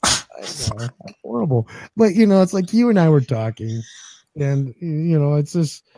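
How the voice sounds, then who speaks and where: A co-host in his forties keeps a casual talk show loose with jokes and frank cursing, though his voice still cracks after losing it. He sounds fairly high, animated and mellow, speaking at a moderate pace. No echo is present.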